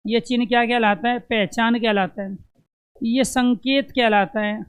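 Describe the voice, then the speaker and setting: A man's voice: very high-pitched, fairly even intonation, measured pace, clear, resonant tone. A man teaching an exam-prep lesson, who asks questions and answers them himself and repeats the key terms to drill them in.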